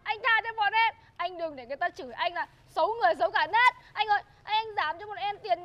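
A woman's voice: very high-pitched, fast talker, lo-fi sound. A young woman acting a cheeky student who mocks and wheedles in a comedy sketch. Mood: wheedling. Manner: cheeky, mocking, sing-song pleading.

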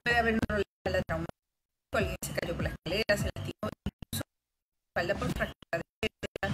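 A woman from Puerto Rico, a rheumatologist, explains a condition to patients, pausing often and restarting her sentences. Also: mid-range voice, poor audio. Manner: explanatory, with frequent pauses and restarts. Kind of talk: medical talk for patients. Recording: loud music under the voice.

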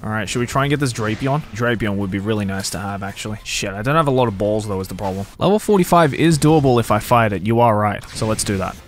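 Male streamer, 30s, lively swooping delivery, casual profane game commentary. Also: on the low side, quick pace, hardly any pauses. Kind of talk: casual live gaming commentary with swearing. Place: small indoor room at gaming desk. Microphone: close desk microphone on boom arm. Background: game music.

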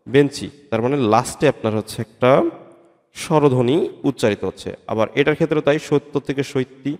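A man teaching an exam-prep grammar lesson, explaining slowly and spelling out sounds letter by letter, repeating terms and checking with "right?". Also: mid-range voice, a little mellow. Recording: long hall reverb.

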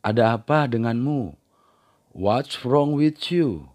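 Slow, dark-voiced male language teacher. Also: mid-range voice, animated. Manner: reads each phrase in one language, then its translation. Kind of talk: slow scripted phrase drill.

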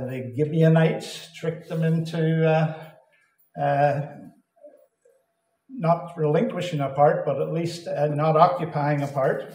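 A man gives a Bible teaching talk in a slightly high voice. He speaks deliberately and hammers home key words by repeating them. The sound is roomy, with the echo of a large hall. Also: warm tone. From Saskatchewan, Canada. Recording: echoey hall.

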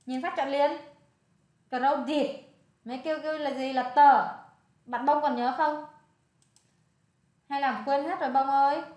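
A woman's voice: high-pitched, steady tone, a little slow, long pauses, darkish tone, muffled recording. A woman with a Vietnamese accent tutoring a student in English, coaxing and repeating the answers. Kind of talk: one-on-one tutoring session. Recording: echoey room.

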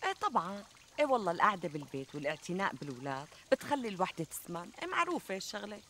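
Fast-talking, coaxing Syrian woman friend. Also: mid-range voice, big pitch swings, sharp tone. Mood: reassuring, curious. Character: flattering, reassuring, chatty woman friend. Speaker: actress in a TV comedy drama. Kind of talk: conversational TV comedy sketch acting. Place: outdoors in a garden. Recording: outdoor ambience, trickling water noise.

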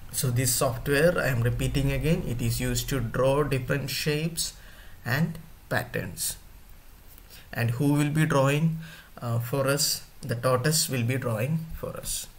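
A male teacher giving an online class, talking to his students directly and repeating points often. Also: mid-range voice. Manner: slow, repetitive, addresses students directly.

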